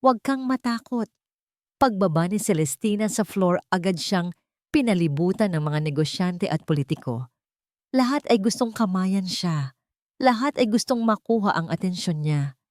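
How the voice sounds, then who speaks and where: This Filipino-accented woman narrates a scripted dramatic tale at normal speed, her fairly low voice expressive and slightly dark in tone. The studio sound is clean, with no room noise at all.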